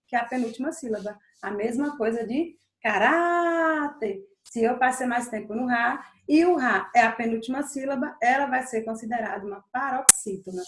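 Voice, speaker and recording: A woman with a high voice teaches a grammar lesson, slowly stretching out the stressed syllables and repeating them so they stick. The sound is roomy, with a clear echo around her. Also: a little hiss or hum. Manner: stretches stressed syllables, slow emphatic repetition.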